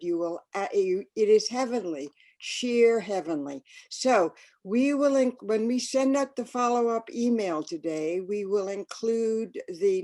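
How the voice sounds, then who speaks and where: A woman's voice: medium pitch, a little mellow. Effusive woman wrapping up an event. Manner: effusive, gushing praise. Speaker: event organizer. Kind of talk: closing thanks to an online audience.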